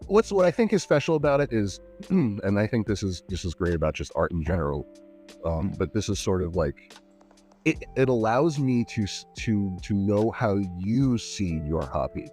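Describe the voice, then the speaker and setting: A man's voice: fairly low pitch, very animated, normal speed, a little mellow, soft background music. A man chatting as a podcast guest, eager and full of restarts and filler words. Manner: enthusiastic, many "like" fillers and restarts. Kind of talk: casual chat.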